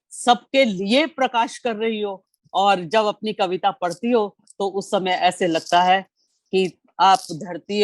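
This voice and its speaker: A woman's voice: mid-range voice, no room sound. A woman giving an effusive spoken critique of poems at a poetry session, exclaiming and quoting lines with feeling, over a video call.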